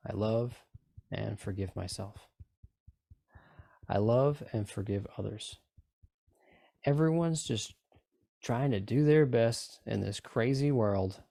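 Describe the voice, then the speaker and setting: Speaking slowly with long pauses, this fairly low-pitched man has vocal fry and a dark tone as he leads a group session in tapping and relaxation. His instructions are coaxing and repetitive, often broken up by quick check-in questions, and the studio-quality audio has no echo.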